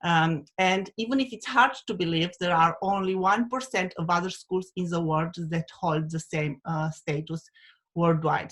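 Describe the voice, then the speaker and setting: A woman from Romania, presenting as a university dean on a video call, with hesitant speech full of fillers. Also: lowish voice. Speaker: undergraduate dean. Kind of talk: webinar presentation.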